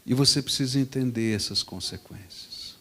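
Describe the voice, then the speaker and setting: A man voicing a stern, calm father disciplining his young son, speaking low, quiet and firm. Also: moderate pace, slight background noise, natural voice.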